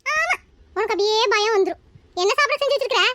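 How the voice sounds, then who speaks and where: A bossy, taunting mother-in-law, played by a woman, her voice very high and her speech rapid. Her lines are dry and close to the mic, in a homemade family comedy skit. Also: lively intonation, pushed and bright, no echo, full character voice. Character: sharp-tongued mother-in-law, older woman.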